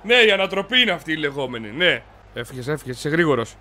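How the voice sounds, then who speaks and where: A young man loudly commenting while he plays a football video game, cheering and cursing at his players. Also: a little high. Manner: loud, excitable, yells and swears at his players. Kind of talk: excited gaming commentary.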